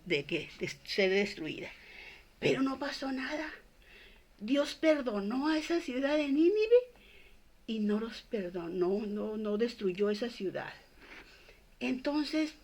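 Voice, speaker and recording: An older woman telling a Bible story for children, halting and repeating words as she goes. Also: a little high, bright, forceful tone.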